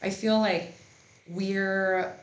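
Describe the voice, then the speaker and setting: A woman's voice: medium pitch, fairly even intonation, takes it slowly. Earnest young woman, echoey room. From Rio Grande Valley, Texas. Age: young adult. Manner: earnest, many fillers. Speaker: newly licensed attorney, guest. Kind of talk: casual interview. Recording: echoey room with faint noise.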